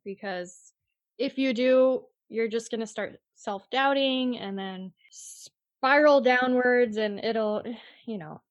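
Slow and slightly high-voiced, a real estate agent in her twenties responds to interview questions with blunt, casual candor, acting out quotes and leaning on "like." There's no room sound, and the highs are cut off.

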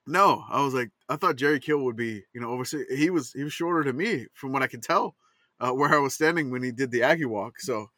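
Male co-host speaking from inside a closet; crisp, tense-edged voice with a dead, dry sound, quick to chime in. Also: mid-range voice, bright, forceful tone, no echo. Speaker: podcast co-host. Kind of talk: casual sports chat.

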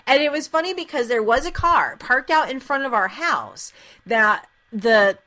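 Bright-voiced, chatty woman telling a story. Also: fairly high pitch, animated, unhurried. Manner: chatty, laughs often while telling a story. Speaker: podcast co-host. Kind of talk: casual chat, storytelling.

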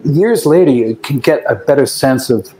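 Man, musician guest, rambling anecdotes, mid-pitched voice, faint room hum. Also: lively intonation, normal speed, mellow, low-quality recording. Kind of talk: casual interview storytelling.

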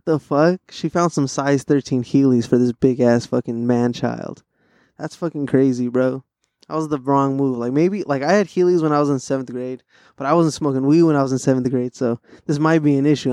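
A stoned young man hosts a casual solo podcast. His voice sits at a medium pitch in a dry, echo-free recording. He talks in loose, profane bro slang, circling back over his own phrases. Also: fairly even intonation, fairly quick, darkish tone. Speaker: podcast host.

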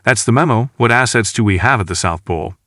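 A man reading the part of a woman military captain in an audiobook, barking short orders in a brisk, commanding way. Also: fairly low pitch, animated, fairly bright tone, no echo, clean studio sound.

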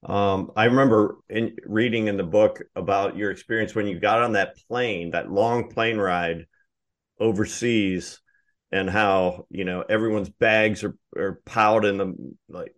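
A man's voice: fairly low pitch, fairly even intonation, moderate pace, a bit bright. A man hosting an interview who asks long, hesitant questions full of fillers. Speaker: interviewer, host. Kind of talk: casual conversational interview.

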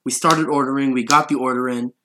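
A man's voice: medium pitch, fairly even intonation, fast, bright, forceful tone, a little hiss or hum. A young man hosting a podcast, chatting casually and rambling through a story, laughing often. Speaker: podcast host. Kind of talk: casual chat.

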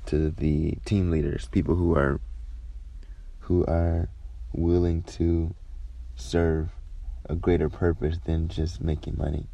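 Pausing often partway through his phrases, a man muses reflectively in an informal devotional talk. His voice is low and flat, with a strong vocal fry throughout.

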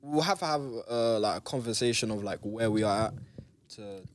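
A man's voice: lowish voice, moderate pace, dry recording. A young man with a London roadman accent, chatting casually. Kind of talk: casual chat.

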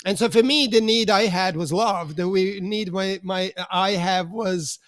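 High-voiced man in his fifties, chatty. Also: unhurried, fairly bright tone, dry recording, clean studio sound. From Switzerland. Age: 50s. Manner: enthusiastic, many fillers and restarts. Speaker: podcast guest, mentor. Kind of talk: conversational interview.

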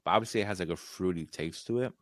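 Low voice guy hosting a podcast, bouncy, dry close sound, lots of slang. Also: racing, no room sound. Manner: animated, slangy, laughs often. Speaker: podcast host. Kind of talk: casual chat.

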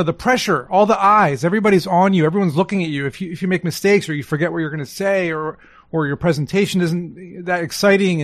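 A man's voice: fairly high pitch, dry recording. A man hosting a podcast, asking long rambling questions with lots of "you know" and "like". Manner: chatty, rambling questions with many fillers. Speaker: podcast host. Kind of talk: casual interview chat.

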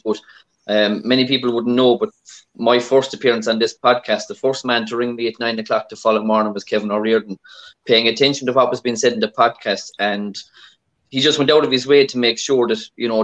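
A man's voice: medium pitch, fairly bright tone, low-quality recording. An Irish man talking casually as a guest in a podcast interview over his phone. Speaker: podcast guest, historic rally competitor.

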